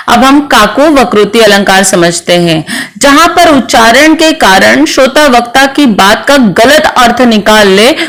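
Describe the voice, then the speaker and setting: A woman's voice: fairly high pitch, a bit bright. A middle-aged woman teaching a Hindi lesson online, explaining step by step and reading verse examples aloud.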